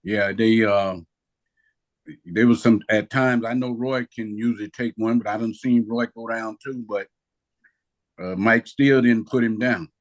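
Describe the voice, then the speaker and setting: A man in casual sports chat, speaking haltingly with many pauses. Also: lowish voice, fairly even intonation, no room sound. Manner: hesitant, halting.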